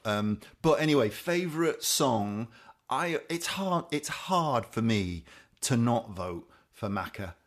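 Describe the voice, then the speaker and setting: A middle-aged man, talking in a loose, meandering way that doubles back on itself. His voice sits at an ordinary pitch, and he chuckles often as he chats with a friend. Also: very animated, slow pace. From England. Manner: rambling, self-interrupting, laughs easily. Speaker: podcast co-host. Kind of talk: casual chat.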